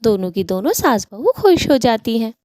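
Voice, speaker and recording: A woman narrating a cartoon story in a plain, steady storytelling manner. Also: fairly high pitch, moderate pace, no echo, studio quality.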